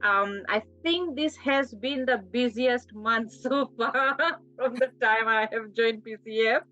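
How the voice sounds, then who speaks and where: A woman's voice: a little high, slow, pushed and bright, muffled recording, soft background music. A woman chatting casually as a panellist in an online discussion. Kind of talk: casual chat.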